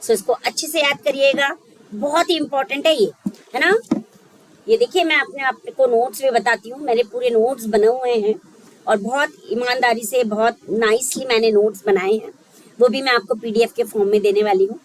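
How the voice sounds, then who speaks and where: A woman's voice: on the high side, moderate pace, rough recording. A woman teaching a biology lesson for exam preparation, thinking aloud and checking in often with her students. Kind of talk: exam-prep lecture.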